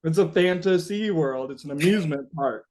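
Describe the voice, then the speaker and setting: This musician's voice sits a little high and sounds slightly mellow, at a moderate pace. His interview talk is reflective and philosophical, wandering and looping back as he repeats phrases.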